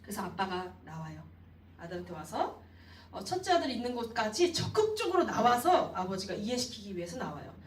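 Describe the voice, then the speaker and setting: A woman evangelist preaching a youth sermon in an expressive storytelling manner, acting out the people in the story. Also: mid-range voice, brisk, a little hiss or hum. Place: church sanctuary. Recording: roomy echo, distant mic.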